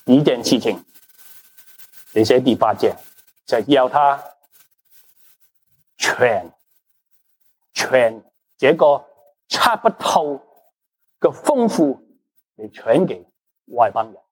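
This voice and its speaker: A man preaching a sermon in a lively, animated way. He is a Cantonese speaker who slips in English words and keeps asking the congregation questions, then answers them himself. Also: medium pitch, slow pace, long pauses, breathy edge. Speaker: pastor.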